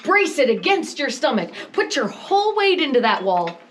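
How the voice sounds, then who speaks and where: A high-pitched woman gives a guided tour deep in an underground mine, explaining as she goes and slipping in jokes. She is caught by a visitor's camera, sometimes close and sometimes farther off, with a faint hiss behind her. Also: very animated, normal speed. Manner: chatty, joking, explanatory patter. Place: underground coal mine tunnel.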